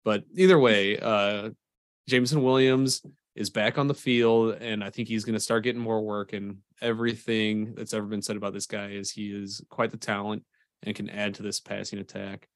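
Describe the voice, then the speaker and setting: A man's voice: on the low side, little pitch movement, moderate pace, no echo, clean studio sound. A man co-hosting a casual sports podcast, rambling and enthusiastic as he talks football. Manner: enthusiastic, rambling fan talk. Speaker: podcast co-host.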